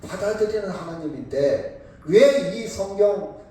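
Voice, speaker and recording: A high-pitched man preaching in a church, emphatic and lively, stopping often to ask his congregation questions. The sound is very echoey and comes from a mic some distance away in the sanctuary. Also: measured pace. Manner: emphatic, shifts between calm explanation and sudden shouts; asks the congregation questions and calls on members by title. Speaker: pastor. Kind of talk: sermon.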